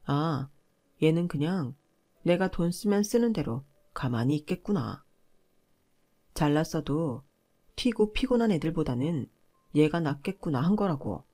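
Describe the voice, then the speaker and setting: A woman's voice: sits low, lively intonation, a little slow, long pauses, dark tone. A woman voicing an arrogant young husband who lectures his wife with contempt. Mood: contemptuous.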